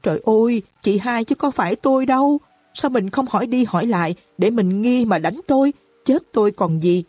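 A woman voicing a young wife in an audiobook, crying out in frantic, shrill pleas. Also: brisk, warm tone, slightly rough, no room sound, close to an everyday voice. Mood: pleading. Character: young terrified wife, wailing for help.

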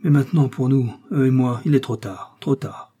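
A man's voice: mid-range voice, normal speed, slightly rough, natural voice. A man voicing a dying, vengeful male criminal who rants and gloats in triumph. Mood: grim. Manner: shouting, triumphant ranting.

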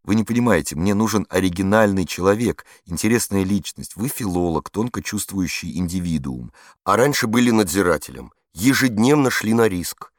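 A man's voice: low voice, lively intonation, normal speed, no echo, clean studio sound. A man reading an audiobook voicing an earnest, persistent young female radio journalist.

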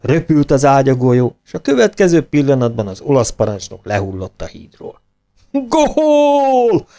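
A man reading a children's storybook aloud, expressive and animated. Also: medium pitch. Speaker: audiobook reader. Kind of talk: storybook narration.

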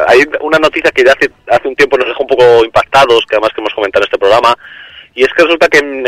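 Caller on a phone line. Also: male voice, medium pitch, a bit bright, no echo. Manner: hesitant, many restarts and fillers. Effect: heard over a phone line. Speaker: radio call-in listener. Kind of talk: casual call-in chat.

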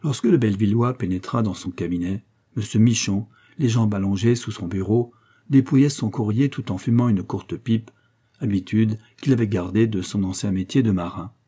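A man reading a classic novel aloud as narrator, in measured, even storytelling. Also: fairly low pitch, breathy edge. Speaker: audiobook reader. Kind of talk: scripted narration.

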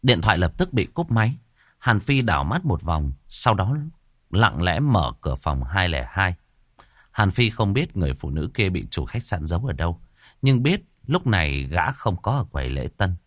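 A man narrating a horror fantasy novel as an audiobook with expressive, suspenseful storytelling. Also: low voice, moderate pace, no room sound, studio quality.

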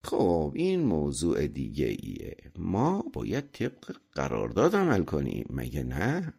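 A man voicing a sly, unhurried young farmhand. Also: extremely low pitch, huge pitch swings, gravelly, mellow, slightly rough, voice pushed down, full character voice.

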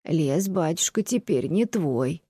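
A woman voicing a lonely, fretful old landowner lady who scolds in a slow, plaintive way, as an audiobook reading. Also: low-pitched, animated, dark tone, slightly rough, dry recording, clean studio sound, full character voice. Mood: reproachful. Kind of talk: audiobook reading of classic prose.

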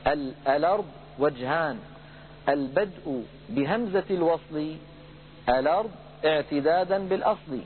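Middle-aged man, recitation teacher, patient lecture with slow chanted examples; slightly high voice, tinny lo-fi audio. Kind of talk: religious lesson lecture. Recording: tinny phone-like lo-fi recording with faint hum.

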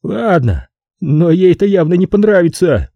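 A man's voice: high-pitched, very animated, normal speed, vocal fry, no echo, highs cut off, pitched above the performer's own voice, full character voice. A male audiobook narrator voicing a sulky, tired man who stubbornly pushes the problem onto someone else. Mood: grumbling. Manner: petulant and complaining.

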